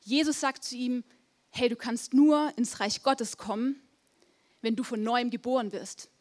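A woman's voice: a little high, measured pace, darkish tone. A young woman preaching a sermon in casual, earnest speech, emphatic and direct.

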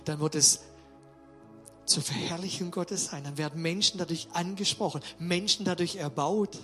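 A man preaching a sermon with emphatic delivery, swinging between loud, drawn-out stresses and quiet asides. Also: fairly high pitch, faint music behind. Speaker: pastor.

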